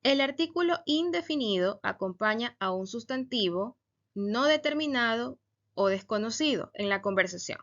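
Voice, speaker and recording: A woman teaching a Spanish grammar lesson, speaking slowly and deliberately and stressing each example word. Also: on the high side, animated, fairly bright tone, lo-fi sound.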